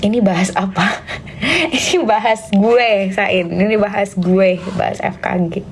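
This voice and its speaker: A young adult Indonesian woman chats through viewer questions on a casual live stream, sprinkling in English phrases and now and then dropping to a whisper. Her voice is medium-pitched and her pace measured, with slight background noise.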